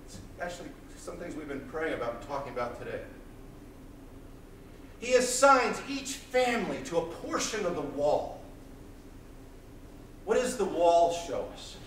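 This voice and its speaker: An intense man in his thirties preaches a sermon, pacing and raising his voice. His voice sits fairly high for a man. The sound comes from far off across a roomy church hall, with a faint hiss behind it. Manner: intense and loud, pacing the stage. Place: small church hall, indoors. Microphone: far camera, room mic.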